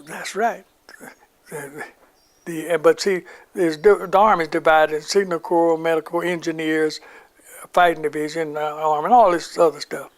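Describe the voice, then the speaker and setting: A man's voice: a little high, steady tone, moderate pace. An older man recounting his wartime army memories in an oral history interview, rambling and acting out the voices of people he quotes.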